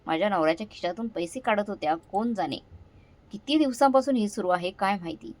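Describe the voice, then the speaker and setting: Woman doing a scornful, shouting young daughter-in-law. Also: mid-range voice, brisk, lightly acted. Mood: furious scorn. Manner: accusing, shouting.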